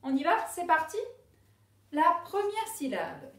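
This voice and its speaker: A woman teaching a reading lesson to young pupils, speaking slowly and sounding out each syllable clearly. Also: high-pitched, wildly swooping pitch. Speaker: primary school teacher. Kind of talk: slow classroom reading lesson. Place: classroom with a board. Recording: echoey room, voice a bit far from the mic.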